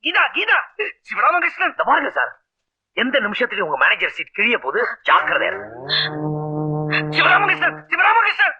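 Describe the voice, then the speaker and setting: An actor playing a harried man caught between quarrelling people, lively, exasperated and often shouting. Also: sits high, brisk, slightly rough, full character voice. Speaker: film actor. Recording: dull remastered film audio with music.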